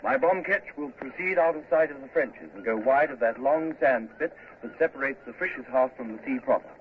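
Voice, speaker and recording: An actor playing an eager, respectful British naval lieutenant, formal and deferential, in an old-time radio drama. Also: male voice, mid-range voice, normal speed, natural voice. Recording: tinny old radio recording with noise.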